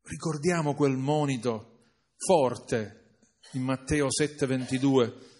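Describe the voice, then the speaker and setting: A man's voice: mid-range voice, takes it slowly, a little mellow. A man preaching a sermon, building to impassioned, emphatic repetition.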